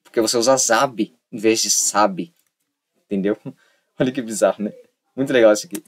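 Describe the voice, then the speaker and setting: A man's voice: lowish voice, normal speed. A young man giving a casual, repetitive lesson and acting out little dialogues to make a point. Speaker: online tutor.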